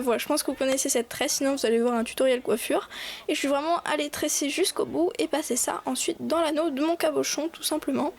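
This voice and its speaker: A young woman hosting a casual voice-over craft tutorial, chatty and full of fillers and restarts. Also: high-pitched.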